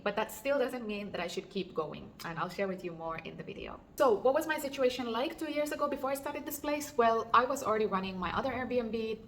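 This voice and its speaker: A woman's voice: medium pitch, fairly bright tone, slight background noise. A woman in her thirties from Finland, chatting earnestly to camera in an apartment, with fillers. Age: 30s. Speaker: vlogger and Airbnb host. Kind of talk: casual vlog talk to camera. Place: apartment indoors.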